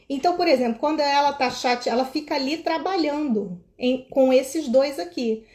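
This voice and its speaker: A woman explaining relationship patterns to viewers in an animated way, pointing and acting out quotes. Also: high-pitched. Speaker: emotional wellbeing educator. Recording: echoey room.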